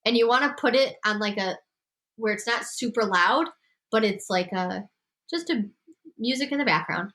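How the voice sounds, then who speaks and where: A woman's voice: fairly high pitch, animated, normal speed, a bit bright. A woman host with a congested voice giving casual, emphatic writing advice to a group and laughing often. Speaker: podcast host and writing coach.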